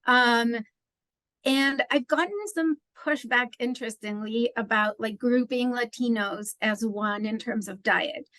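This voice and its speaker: A woman's voice: a little high, unhurried, pushed and bright, no room sound. A woman from Mexico, an assistant professor asking a chatty question at a talk. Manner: chatty, thinking aloud.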